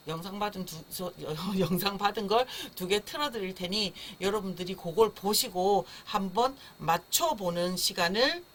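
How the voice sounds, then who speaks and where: A woman's voice: on the low side, a bit bright, a little hiss or hum. A woman teaching a live online parenting class in a friendly, explanatory way, at times imitating the sound of a baby crying. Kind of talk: live-streamed online lecture. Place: indoor room, streaming live.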